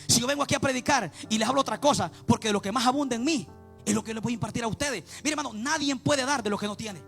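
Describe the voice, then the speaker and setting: A man's voice: extremely high pitch, fast talker, creaky, fairly bright tone, faint music behind. A man preaching a fervent sermon, repeating his refrains and rising into a chanted, sing-song delivery. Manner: impassioned, repeats "mi amado hermano", chants some lines.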